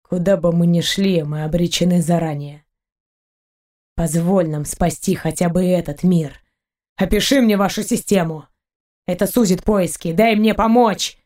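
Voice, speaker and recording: A woman reading an audiobook and voicing a blunt, weary male space pirate in a slow, heavy, scolding way. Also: on the low side, warm tone, voice pushed down, close to an everyday voice. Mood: grave.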